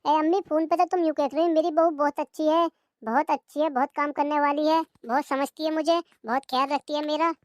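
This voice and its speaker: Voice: high voice, steady tone, a little fast, dry recording, clean studio sound, close to an everyday voice. A voice artist voicing a grown daughter who visits her mother and scolds her sister-in-law, for a cartoon. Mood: concerned. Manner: confronting, scolding.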